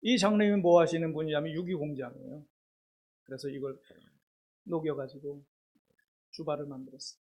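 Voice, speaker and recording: A man pastor preaching a sermon, telling a story with lively exclamations to his congregation. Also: fairly high pitch, fairly quick, pauses often, muffled recording. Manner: animated, acts out characters, exclaims to congregation.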